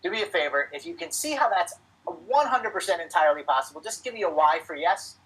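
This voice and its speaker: Husky man coaching a webinar. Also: high-pitched, expressive, quick pace, fairly bright tone, rough recording. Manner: emphatic, coaching, repeats key points. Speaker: webinar presenter for financial advisors. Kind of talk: live webinar presentation.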